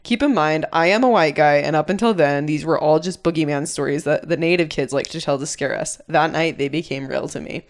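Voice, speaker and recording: A young woman co-hosting a podcast, telling stories and chatting in an animated way, laughing often. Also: sits low, brisk, hardly any pauses. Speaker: podcast co-host. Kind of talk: casual chat and reading stories aloud.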